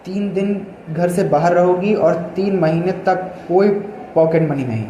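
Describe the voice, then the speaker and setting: A man voicing a stern, quick-tempered father in a storybook reading. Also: high voice. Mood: angry. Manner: stern and angry, softening at times. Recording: echoey room with faint noise.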